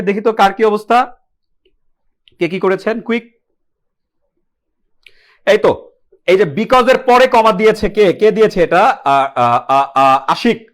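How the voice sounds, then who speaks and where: Speaking on the high side, a young man runs a live online English grammar lesson. He mixes English words into what he says, asking the class questions and supplying the answers himself.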